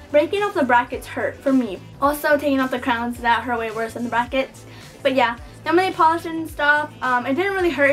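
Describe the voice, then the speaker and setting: High-voiced young woman, slight retainer lisp. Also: a bit bright. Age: teens to young adult. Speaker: vlogger. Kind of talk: casual chat to camera. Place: small bedroom indoors.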